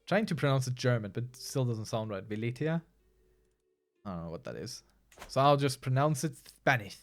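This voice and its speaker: A man's voice: medium pitch, animated, a little fast, faint music behind. A man casually commenting as he plays a strategy game, chatty and wry, answering his chat as he goes. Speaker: streamer playing a strategy game.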